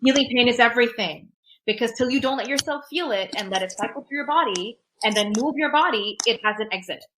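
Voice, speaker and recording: A woman who is a technologist and a podcast guest speaks fast in a fairly high voice, with background noise behind her. Urdu is her first language, and she talks emphatically and reflectively about personal experiences and advice, often checking in with "right?".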